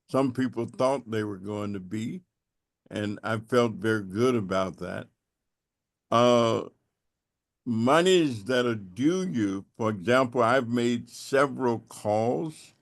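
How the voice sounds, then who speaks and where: A man answering as a panelist in an online discussion, measured and deliberate. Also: medium pitch. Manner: slow, measured, with restarts. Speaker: panelist, congressman.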